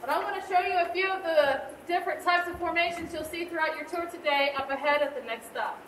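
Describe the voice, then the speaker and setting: A woman's voice: extremely high pitch, quick pace, a bit bright. A woman working as a tour guide, explaining things to a group in scripted narration inside a cave. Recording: echoey cave, distant mic, faint noise.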